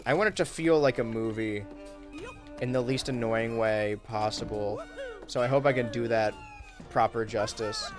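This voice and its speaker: A young man casually chatting on a gaming livestream, wry and relaxed, reading chat aloud while he plays. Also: medium pitch. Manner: laid-back, wry, reads chat aloud while playing. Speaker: streamer and YouTuber.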